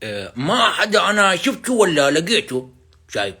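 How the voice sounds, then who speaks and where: A man's voice: high-pitched, very animated, moderate pace, pushed and bright, husky. A man with a Levantine Arabic accent on a casual prank call, stammering evasively and repeating himself.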